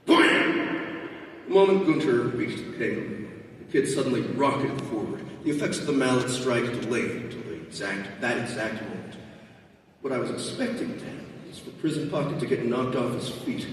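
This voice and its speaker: A man narrating an audiobook live at a convention, expressive and often laughing, recorded in a large hall from a distance. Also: medium pitch, fairly quick, a little hiss or hum. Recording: roomy hall, distant mic.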